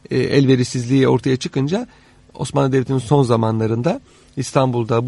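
A man explaining history in conversation as an expert guest, haltingly, pausing mid-sentence and rephrasing as he goes. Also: medium pitch, vocal fry, darkish tone, no echo. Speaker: interviewed guest, expert on old Istanbul.

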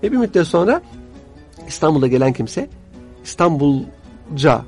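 A man's voice: fairly high pitch, sing-song, moderate pace, darkish tone, faint music behind. A man, a guest historian telling stories in a studio conversation, using courtly old-fashioned phrasing.

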